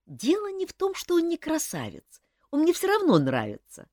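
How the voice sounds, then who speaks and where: Excitable emotional young woman, a reader doing her, high and bouncy pitch, dry sound. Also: moderate pace, dry recording. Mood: flustered.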